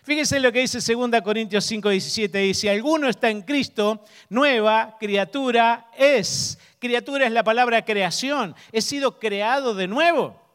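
A man with a high, smooth, resonant voice preaching a sermon. He keeps asking the congregation questions and slows down hard on the words he wants to land. His voice rings out with the long reverb of a church hall. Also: a bit bright. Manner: asks the congregation questions, emphatic slow stresses.

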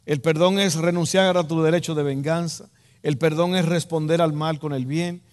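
Preaching to a congregation, a man from the Dominican Republic uses a slightly high voice with a darkish tone, fairly even intonation, and normal speed. His Dominican Spanish accent comes through as he emphatically and directly repeats key phrases. The recording has long hall reverb.

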